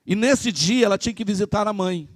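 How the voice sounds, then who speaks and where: A male pastor with a Brazilian Portuguese accent, preaching a lively sermon at a church service and calling out to the congregation. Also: high-pitched, fairly quick. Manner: animated, calls out to the congregation.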